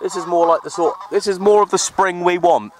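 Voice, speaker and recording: Speaking a little fast in a high voice, a man vlogs from an open hill while running a CB radio session. He's a radio operator and vlogger, chatting casually and matily as he narrates the outdoor session.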